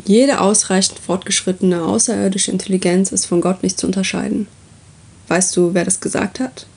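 A woman voicing a patient, wry male god who calmly explains and lectures in a story reading. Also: medium pitch, vocal fry, slightly rough. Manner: calm, unhurried, explaining.

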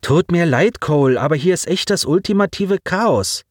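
A man voicing an anxious teenage boy stranded on a wrecked ship, talking in an earnest, hurried way. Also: a little high, lively intonation, dry recording, studio quality, voice pushed up. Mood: worried, hurried.

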